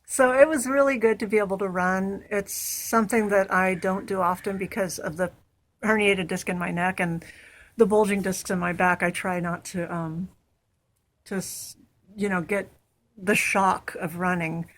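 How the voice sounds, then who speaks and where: A woman's voice: medium pitch, fairly even intonation, moderate pace. A young woman chatting casually in a home vlog, upbeat and rambling. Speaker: vlogger. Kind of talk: casual chat.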